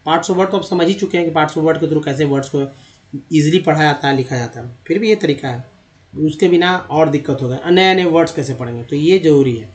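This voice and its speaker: A man teaching how to read English words, sounding them out slowly one at a time. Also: a little high. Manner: slow, spelling out words sound by sound. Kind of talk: explaining a lesson.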